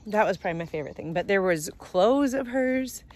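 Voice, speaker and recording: With a medium-pitched, darkish voice, this woman in her forties talks expressively and briskly. She's filming a relaxed travel vlog on her phone at arm's length, outdoors on a sunny farm, keeping things upbeat with fillers.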